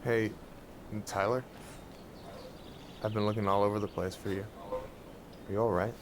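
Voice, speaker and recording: An actor playing a concerned, steady man looking after a friend in a dramatic video game. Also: fairly low pitch, a little slow, natural voice. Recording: clear outdoor background noise.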